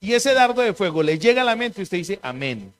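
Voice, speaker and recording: A man delivers a sermon in a high-pitched voice. He asks the congregation questions, waits for them to answer, and acts out the voices of other people. His preaching swings between soft, quick asides and loud proclamations. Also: expressive. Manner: call-and-response preaching, mimics voices, rises to shouting. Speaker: pastor.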